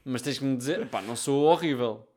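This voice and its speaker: A man's voice: mid-range voice, a little fast, mellow. A young man with a European Portuguese accent, chatting casually as a podcast co-host in slangy speech peppered with English. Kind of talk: casual chat between friends.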